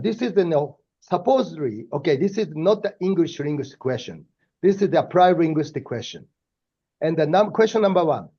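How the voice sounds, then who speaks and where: Here the older Japanese-accented professor sounds mellow and on the high side, recorded with lo-fi quality. His lecture weaves in anecdotes from his own life, delivered in a reflective, halting manner full of fillers and false starts.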